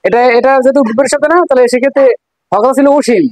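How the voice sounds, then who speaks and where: A woman's voice: high voice, very fast, darkish tone, dry recording, rough recording. A woman teacher with a Bangladeshi Bengali accent, leading a classroom math lesson, asking questions and repeating answers.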